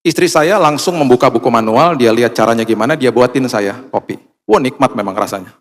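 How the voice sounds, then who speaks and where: A man's voice: mid-range voice, brisk. A man preaching a sermon as a pastor, telling a personal story and acting out the voices of the people in it. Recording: long hall reverb.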